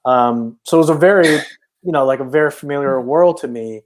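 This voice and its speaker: A Chinese filmmaker, a native Chinese speaker, tells his life story as a guest on a casual podcast. His medium-pitched voice is brisk, and he comes across as thoughtful, reflective and hesitant, restarting often.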